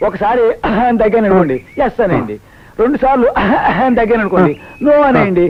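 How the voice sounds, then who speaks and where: An actor playing a flattering, deferential servant who is eager and scheming, in comic film acting. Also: male voice, sits high, fast talker, slight background noise. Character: fawning, scheming male servant, eager and quick. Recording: dull film soundtrack with faint music.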